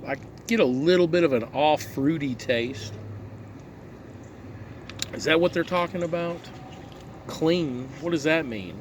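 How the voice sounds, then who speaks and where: Puffing on a pipe, a man gives a casual, rambling review, musing aloud and posing rhetorical questions to himself. His voice is a little high, and he talks unhurriedly with frequent pauses. Clear background noise with a vehicle-like ambience runs underneath.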